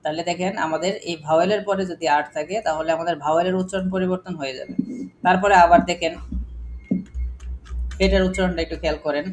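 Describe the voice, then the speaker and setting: A man's voice: high-pitched, fairly even intonation, fast. Male teacher, phonics class, quizzing and repeating, faint noise behind. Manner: questioning, repetitive drilling of examples. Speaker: English teacher.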